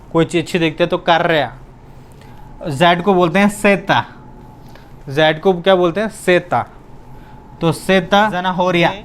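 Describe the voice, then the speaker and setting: A male teacher with a fairly high voice walks through a pronunciation lesson at an unhurried pace. He says each word slowly and repeats it to drill it in. Now and then he poses a question and answers it himself. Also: clear, resonant tone. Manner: asks and answers his own questions. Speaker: language teacher.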